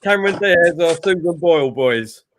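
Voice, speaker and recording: Chatty man, higher voice. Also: moderate pace, a little hiss or hum. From Isle of Dogs, East London. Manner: chatty, reads out viewer messages, breaks into excited calls on the match. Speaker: co-host reading the chat. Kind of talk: casual football watchalong chat with live commentary.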